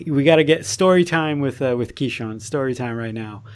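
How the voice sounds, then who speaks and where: A young man from Aruba chats loosely on a podcast at a middling pitch, rambling through his thoughts, cursing offhand and laughing a lot. A faint hiss of noise sits under his voice. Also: normal speed. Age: young adult. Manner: rambling, swears casually, laughs often. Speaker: podcast host. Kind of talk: casual chat.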